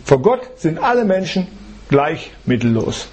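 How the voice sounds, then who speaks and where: Guy preaching in a church, kinda husky, fairly high voice, asks the congregation questions. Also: sing-song, measured pace, a little mellow. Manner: explains with rhetorical questions and tag "ja?". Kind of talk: sermon with Bible reading.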